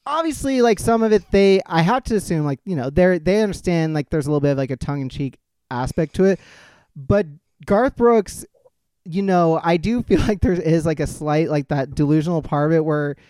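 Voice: mid-range voice, lively intonation, a little fast, a little mellow, smooth, no echo, studio quality. A podcast co-host in casual chat who rambles, jokes and laughs often.

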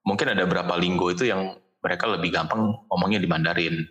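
A fairly low-pitched Indonesian man talks in a colloquial Jakarta accent. He explains himself casually, slipping English phrases into slangy speech. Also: fairly even intonation, quick pace, sharp tone, highs cut off. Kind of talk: casual chat.

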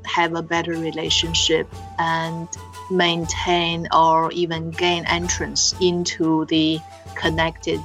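A woman co-hosting a podcast, explaining things conversationally and pausing to find her words. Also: low-pitched. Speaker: podcast co-host explaining Chinese culture. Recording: muffled, dull podcast audio.

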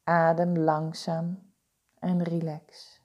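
A woman guiding a body-scan meditation with slow, soothing, calm instructions. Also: deep voice, lo-fi sound. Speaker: meditation guide.

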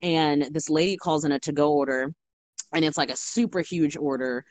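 A young woman, a bartender, telling stories in a casual, animated chat full of fillers. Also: low voice, normal speed. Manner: animated storytelling with many fillers. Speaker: guest bartender.

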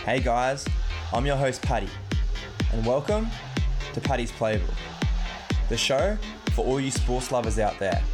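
Australian man, sports podcast host, blokey tradie-like slang, casual chat, mid-pitched voice, some music. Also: unhurried, long pauses.

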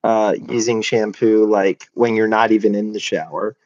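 A young man co-hosting a podcast, telling stories hesitantly with many pauses and a deadpan delivery. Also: lowish voice, highs cut off. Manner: hesitant, full of uhs, deadpan. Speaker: podcast co-host. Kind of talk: casual chat.

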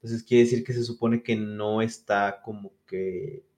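A man's voice: on the low side, steady tone, measured pace, darkish tone, slight background noise. A man with a Mexican accent and a congested, stuffy nose from a cold, co-hosting a casual podcast chat. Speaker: podcast co-host.

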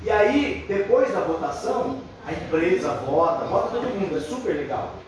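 A man with a Brazilian accent speaks in a high voice with lively intonation at a moderate pace. He leads a workshop for schoolchildren and talks to the class like a kindergarten teacher, encouraging them with simple instructions and checking questions. The recording is from a roomy indoor classroom, with echo and faint background noise.

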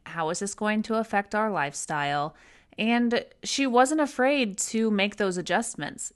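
A woman hosting a podcast, introducing her guest and interviewing her in an enthusiastic, encouraging way. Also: medium pitch. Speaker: podcast host.

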